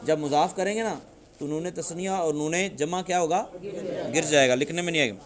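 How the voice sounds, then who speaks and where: A man's voice: on the high side, crowd noise. A man with a Pakistani Urdu accent teaching a classroom grammar lesson, drilling students with repeated questions. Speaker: religious teacher.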